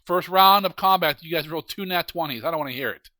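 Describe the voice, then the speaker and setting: A man acts as game master in casual table talk. His voice is sharp and somewhat high, with a blunt, teasing delivery in a dry space. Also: quick pace, no echo.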